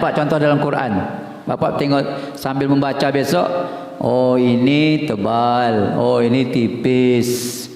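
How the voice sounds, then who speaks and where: Male recitation teacher, high lively voice, unhurried, echoey hall. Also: slight background noise. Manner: demonstrates recitation, repeats examples slowly. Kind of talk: Quran tajwid lesson.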